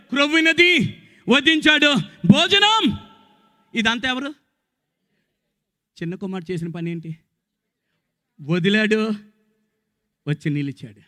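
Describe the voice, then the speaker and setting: A male pastor delivers a sermon with a high, ringing, bright voice. He quizzes his listeners and swings between shouted lines and low, hushed phrases. The sound carries a long reverb, as from a large hall. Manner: call-and-response preaching, swings between shouts and low murmurs. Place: outdoor gospel meeting.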